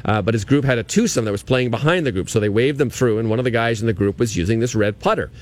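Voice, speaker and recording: A man's voice: mid-range voice, quick pace, darkish tone. A man co-hosting a golf talk show, telling anecdotes in a casual, conversational sports-talk style.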